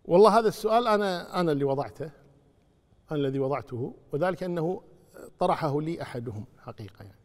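High-voiced preacher. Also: male voice, fast talker. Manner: animated preaching, rising to loud rebuke. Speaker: Islamic scholar answering questions. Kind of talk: religious question-and-answer lesson. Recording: long hall reverb.

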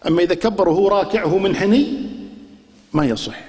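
A man's voice: high-pitched, fast talker, a little mellow. A man with a Kuwaiti accent giving a religious lesson, quizzing his listeners with rhetorical questions and demonstrating pronunciations aloud. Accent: Kuwaiti Arabic. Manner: poses rhetorical questions and drills answers with the class. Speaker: religious teacher. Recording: long reverb of a large hall.

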